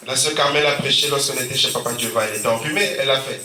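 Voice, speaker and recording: Preaching through a cold and sore throat, this pastor fires off his sermon at a rapid clip in a mid-range voice, his Central African French accent clear as he keeps calling amen and alleluia. Crowd noise surrounds him, captured from afar in an echoing church hall.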